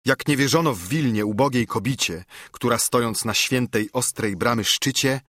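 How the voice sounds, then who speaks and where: Husky male narrator for an epic verse reading, dry and close. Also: medium pitch, fairly bright tone, dry recording. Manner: measured verse recitation. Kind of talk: reading an epic poem aloud.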